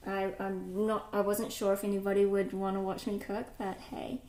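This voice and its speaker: A woman's voice: mid-range voice, little pitch movement, moderate pace, a little mellow, reverberant, rough recording. A woman live-streaming from her home kitchen, chatting casually and greeting viewers by name.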